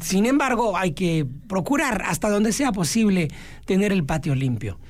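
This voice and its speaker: A chatty male vulture hosts a children's radio show, voiced by a woman. He speaks, stops often on fillers, and his pitch rises and falls widely. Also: lively intonation, moderate pace, darkish tone, natural voice. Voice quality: full of hesitant fillers.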